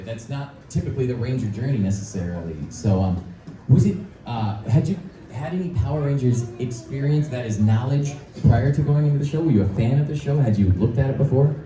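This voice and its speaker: An upbeat man moderates a convention panel, his pitch jumping all over as he hypes the crowd. He sounds distant in an echoey hall with loud noise behind him. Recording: echoey hall from far off, noisy.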